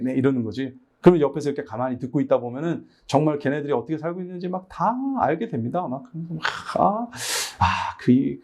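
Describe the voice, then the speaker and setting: A middle-aged man, a pastor giving a lively training talk to Sunday school teachers and acting out phone calls with children. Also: mid-range voice. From Busan, South Korea. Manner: animated, acts out both sides of dialogues with children. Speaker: pastor leading a teacher workshop. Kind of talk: lively church training lecture.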